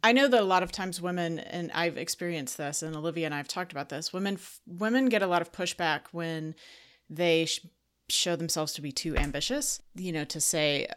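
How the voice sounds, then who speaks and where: Low-voiced woman podcast host. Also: fairly quick, fairly bright tone, smooth. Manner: earnest, talks in long, winding questions. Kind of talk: podcast interview conversation.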